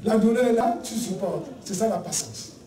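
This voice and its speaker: A preacher giving a sermon, addressing listeners as beloved and laying out points one by one, often dropping soft and quiet on key words. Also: medium pitch, animated, normal speed, a crowd in the background. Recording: echoey room, voice heard from a distance.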